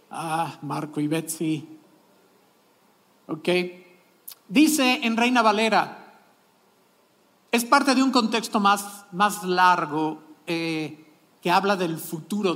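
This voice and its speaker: High-voiced pastor preaching. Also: male voice, a bit bright. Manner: conversational preaching, frequent checks with the audience. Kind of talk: sermon. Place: church sanctuary. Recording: long church hall reverb.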